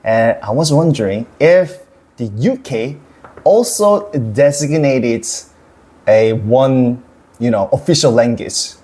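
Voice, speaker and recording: A man's voice: mid-range voice, lively intonation, slow, warm tone. A middle-aged man from Korea with a Korean accent, hosting a casual chat and asking lots of curious questions. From South Korea. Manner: curious, asks lots of questions, laughs often. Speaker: host. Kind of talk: casual conversational interview.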